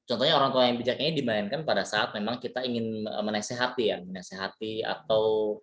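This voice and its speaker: A man's voice: lowish voice, fast. Chatty man teaching in an echoey room. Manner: relaxed, chatty, frequent fillers and tag words; mixes in English terms. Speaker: leadership trainer. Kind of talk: casual webinar lecture.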